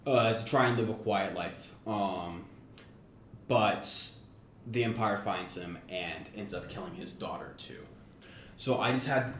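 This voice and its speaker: A man co-hosting a podcast, pitching a story idea in a meandering, self-correcting casual chat. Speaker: podcast co-host. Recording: roomy echo, faint background noise.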